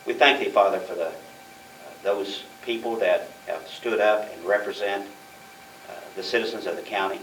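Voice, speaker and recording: A man leading a formal public prayer in a measured, solemn, reverent manner. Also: fairly low pitch, steady tone, a bit bright, distant mic. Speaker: member leading the opening prayer. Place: meeting room. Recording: echoey room from afar, faint noise.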